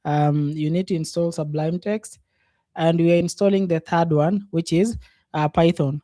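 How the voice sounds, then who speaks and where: A man walks learners through a coding lesson in a warm, mellow voice. He talks it through at an easy pace, pausing on fillers as he works. The sound is close and dry, with no room around it. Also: fairly high pitch, fairly even intonation, no echo. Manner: unhurried, thinks aloud with many fillers. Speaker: programming instructor. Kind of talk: casual screen-share coding lesson.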